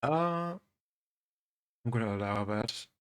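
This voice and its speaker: His voice is mid-range and clean, and he speaks slowly, a German man with a faint accent chatting to viewers over a racing game. The tone stays relaxed and friendly as he welcomes and thanks people. Car and traffic sounds from the game come through loudly.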